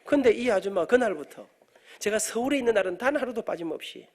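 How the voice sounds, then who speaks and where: Lively fast-talking middle-aged preacher. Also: male voice, sits high. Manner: animated storyteller, jokes with the congregation. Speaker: guest preacher, professor. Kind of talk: storytelling sermon. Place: church sanctuary.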